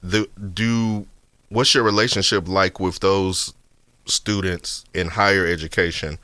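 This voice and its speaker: A man hosting a casual podcast interview, talking in a relaxed, conversational way with lots of "you know what I mean". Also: deep voice, unhurried, clear, resonant tone, no room sound. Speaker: podcast host.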